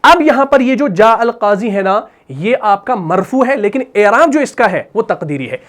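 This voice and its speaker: A male teacher explaining Arabic grammar in Urdu with a Pakistani accent. He asks questions and answers them himself, and at times recites Quran verses slowly. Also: high-pitched, lively intonation, a bit bright. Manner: repeats questions and answers them himself, adds "bhai" and "theek hai na". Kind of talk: explaining grammar while writing on a board.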